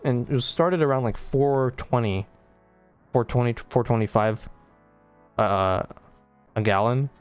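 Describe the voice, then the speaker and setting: A man's voice: medium pitch, darkish tone, clear, resonant tone. A man co-hosting a podcast late at night, sleepy and yawning, talking in a rambling, sarcastic way with lots of fillers. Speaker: podcast co-host. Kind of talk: casual chat.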